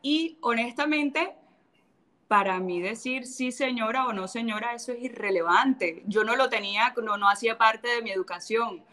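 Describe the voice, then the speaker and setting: A woman's voice: a little high, sharp tone. A woman from Cartagena with a Colombian Caribbean coast accent, talking bluntly and with sass as an interview guest. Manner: sassy, blunt, quick to mimic others. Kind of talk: casual interview chat.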